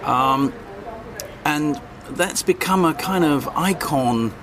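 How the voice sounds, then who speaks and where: A crowd can be heard behind an older man, a longtime journalist appearing as a guest, while he answers interview questions. His voice is on the high side, and his replies come hesitantly, full of pauses and restarts, with a wry edge.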